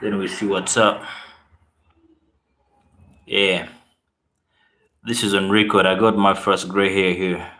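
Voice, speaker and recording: A man with a Ugandan accent hosts a relaxed live stream, chatting to viewers and reading their comments aloud. His voice sits fairly low and sounds roomy, with echo from the space around him. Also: takes it slowly, pauses often. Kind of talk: casual live-stream chat.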